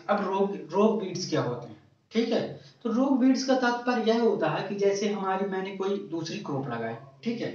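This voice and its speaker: A man teaching an agriculture exam-coaching lecture, asking the class questions and answering them himself, repeating key terms. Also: high voice. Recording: echoey room, distant lo-fi mic.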